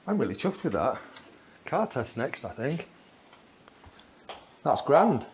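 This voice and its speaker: This vlogger takes it slowly but stays very animated, his medium-pitched voice carrying a casual, chatty commentary as he films a walkie-talkie test indoors. He's in the corridors of a residential building, where background noise comes through clearly.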